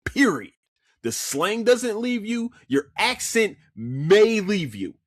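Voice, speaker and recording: Sitting high in pitch and taking his time, a solo podcast host with a Philadelphia accent casually reviews shows he watched, recorded at studio quality with no room sound. He's animated and swears a lot, often restarting himself and stammering repeated words.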